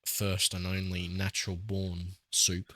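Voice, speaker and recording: A man's voice: low-pitched, monotone, slow, pushed and bright, no room sound. A man co-hosting a casual chat, talkative and hedging, now and then acting out quotes. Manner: chatty, hedging, acts out quotes from scenes. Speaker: podcast co-host.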